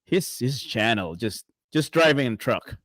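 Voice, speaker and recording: A man joins a streamed chat, easygoing and enthusiastic, padding his thoughts with fillers. His voice is mid-pitched and the sound is dry and close. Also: unhurried, dry recording. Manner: relaxed, enthusiastic, filler-heavy. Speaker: guest.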